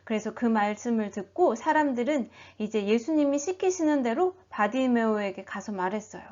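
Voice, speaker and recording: High-voiced woman telling a children's sermon. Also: normal speed. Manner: expressive and animated, asking the listeners questions. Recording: dull lo-fi recording.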